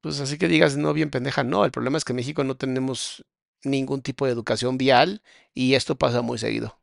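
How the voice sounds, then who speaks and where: A man's voice: medium pitch, steady tone, brisk, vocal fry, no echo, studio quality. A Mexican man, a psychologist hosting a reaction video, explaining what he sees and speaking his opinions with emphasis. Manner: explains and points things out, turns preachy and emphatic. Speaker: psychologist host. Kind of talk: reaction commentary.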